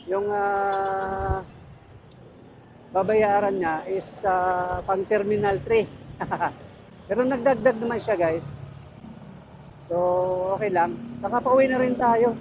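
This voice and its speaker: A high-pitched Filipino man, a motorcycle vlogger and ride-hailing rider, chats casually while riding on city roads outdoors. His wireless Bluetooth mic sounds dull, and loud traffic, vehicle and road noise fill the background.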